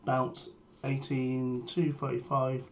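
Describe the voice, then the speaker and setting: Male trader for live market commentary, voice strained by a sore throat, mid-pitched and level, brief and matter-of-fact, faint noise and typing behind. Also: slow. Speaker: trader sharing a premarket plan. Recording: steady background noise, keyboard typing.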